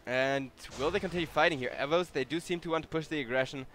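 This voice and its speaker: Against a noisy background, a tired young man from Germany does solo live game commentary as an esports caster, talking with viewers between plays. His voice is a little high and he speaks fast.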